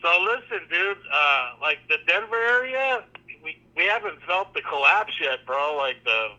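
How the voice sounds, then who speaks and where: Casual male caller heard over a speakerphone, sharp and bright, slangy. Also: on the high side, lively intonation, measured pace. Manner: laid-back, slangy, calls people dude and bro. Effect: played over a phone on speaker. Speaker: caller on a livestream. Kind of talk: casual chat. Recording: dull, lo-fi phone line on speaker.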